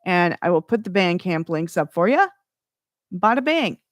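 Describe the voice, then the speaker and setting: A woman's voice: lowish voice, normal speed, no room sound, clean studio sound. A woman hosting a live music radio show, chatting casually and self-deprecatingly between songs.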